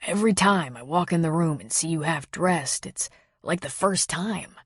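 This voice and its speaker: A woman voicing a grown man with a husky, gravelly voice and a low, intimate, unhurried way of talking. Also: expressive, dry recording, clean studio sound.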